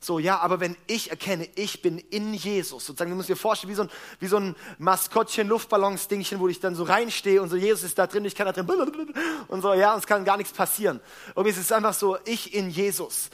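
A man's voice: high-pitched, fast talker, a bit bright. A male pastor giving a casual, chatty sermon, often checking in with "ja?" and laughing at his own jokes.

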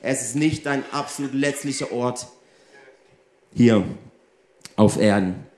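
A man's voice: mid-range voice, slow, echoey room. A man preaching a sermon who talks straight to his listeners and keeps asking them rhetorical questions. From Germany. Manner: animated, addresses the audience directly with rhetorical questions.

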